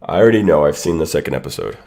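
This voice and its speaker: Racing along in a sing-song way, the streamer greets viewers by name and chats as he readies his watch party, congested and sick with a sinus infection. His voice is extremely low, gravelly and warm. Echo from the unmuted stream audio can be heard.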